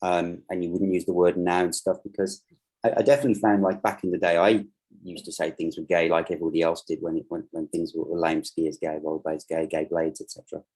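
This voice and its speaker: Male interviewer, deep voice, rambling questions, video-call audio. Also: level tone, fast talker, a little mellow, rough recording. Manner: rambling questions full of fillers.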